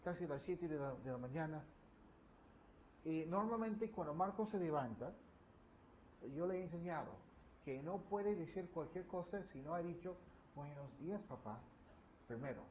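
A middle-aged pastor preaches in an easy, chatty way, slipping into quick playful voices for little scenes. His voice sits a little high for a man. The recording is a bit muffled, with a faint hiss behind him. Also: animated, a little mellow. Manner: conversational, acts out little quoted scenes with humor. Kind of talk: sermon. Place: church. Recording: slightly dull recording with faint background noise.

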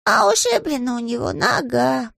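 A man voicing a small, polite young male bear who is earnest and naive, in a squeaky, innocent way. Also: sing-song, moderate pace, vocal fry, sharp tone, no echo, clean studio sound, full character voice.

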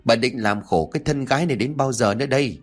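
Brief: resentful young daughter-in-law, rapid scolding bursts, low voice, as a male storyteller puts her on. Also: lively intonation, faint music behind. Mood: furious. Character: scolding, resentful young wife who grows frantic.

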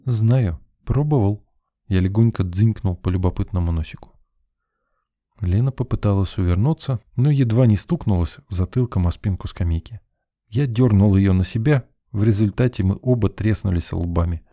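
A man narrating a first-person audiobook in an even, measured storytelling manner. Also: sits low, no echo, studio quality.

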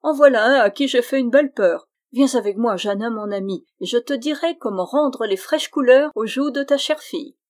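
A woman's voice: fairly high pitch, normal speed, few pauses, a little mellow, voice pushed up, close to an everyday voice. A woman voicing an impish little male dwarf who mocks and teases in a raised, exuberant voice. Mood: teasing. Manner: teasing, exuberant.

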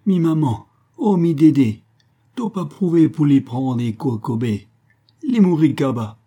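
A kind, anxious old leper man, as a male reader puts him on, crying out in broken creole-style speech. The voice sits well above the reader's own low tone and comes out loud and strained, with a husky edge. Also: lively intonation, a little slow. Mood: desperate pleading. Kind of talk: audiobook character voice.

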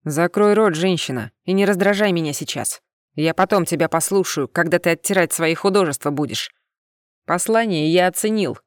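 A woman doing a gruff alien man. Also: lowish voice, normal speed, no echo, studio quality, lightly acted. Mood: brusque commanding. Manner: growling, curt commands. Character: gruff tailed alien man, brusque rescuer. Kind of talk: audiobook character voice.

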